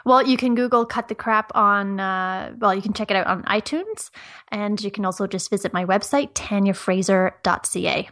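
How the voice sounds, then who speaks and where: A woman's voice: medium pitch, normal speed, a bit bright. Upbeat woman from Ireland chatting. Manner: upbeat, laughs easily. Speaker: trivia podcast guest. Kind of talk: casual chat on a remote call. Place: home near Toronto.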